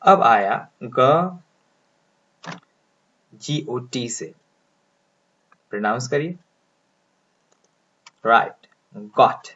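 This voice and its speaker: A man's voice: mid-range voice, lively intonation, fairly bright tone, husky. A man teaching English pronunciation, explaining step by step and drawing out each sound as he writes it. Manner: slow, deliberate, drawing out sounds as he writes symbols. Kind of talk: explaining lesson, speaking Hindi. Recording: dull lo-fi sound.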